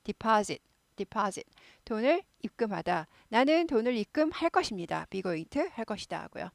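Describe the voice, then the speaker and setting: Chatty female English tutor, mid-pitch, repeating drill words into a dry close mic. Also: sing-song, normal speed, vocal fry, no room sound. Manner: chatty, many filler "네" and "예" affirmations, repeats words for pronunciation drills. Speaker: English teacher. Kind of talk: casual explanatory lesson.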